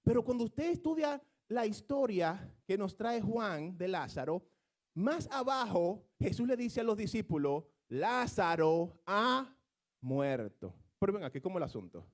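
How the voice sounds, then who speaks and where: A man with a notably high voice preaching to a congregation. He teaches patiently through scripture, then builds to fervent, emphatic declarations. His delivery swings between explaining and exhorting. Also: big pitch swings, moderate pace, darkish tone. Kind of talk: sermon.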